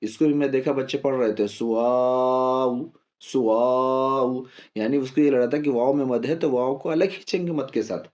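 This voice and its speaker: A patient man teaches a step-by-step reading lesson. His voice is mellow and a little dark, and he slows right down to spell out each syllable and stretch the long vowels. The recording sounds dull and lo-fi. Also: medium pitch. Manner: patient, repeats syllables slowly and drawn out. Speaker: Quran recitation teacher.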